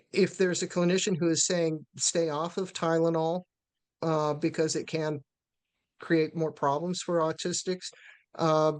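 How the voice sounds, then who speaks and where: A low-voiced woman presents a live webinar, answering questions haltingly with lots of fillers and restarts.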